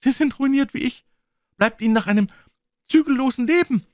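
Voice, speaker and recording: Guy doing a young desperate dude, high and wild, voice jumps all over, dry sound. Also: big pitch swings, moderate pace, no room sound. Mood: frantic. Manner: shrill, overwrought outbursts. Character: desperate young man, bitter and excitable.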